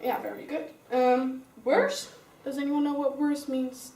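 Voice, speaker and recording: A young woman with a Dutch accent teaches an English class, going through each rule step by step and calling on pupils by name. Her voice sits a little high. It is caught from across an echoey classroom. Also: steady tone, unhurried, mellow. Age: young adult. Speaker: student teacher. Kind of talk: classroom grammar lesson. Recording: roomy classroom sound, mic far away.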